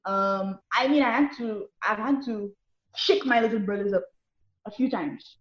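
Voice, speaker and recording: A woman's voice: mid-range voice, normal speed, highs cut off. Candid woman in an echoey room. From Saint Lucia. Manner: candid, laughs often, emphatic repetition. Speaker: guest. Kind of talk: casual conversation.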